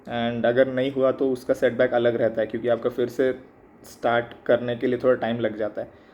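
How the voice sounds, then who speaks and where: His voice is medium in pitch and darkish, with little pitch movement and a moderate pace. A man in his mid-twenties who vlogs about exam prep, he muses hesitantly in Hindi laced with English and lots of fillers, recorded muffled and slightly lo-fi with faint background noise.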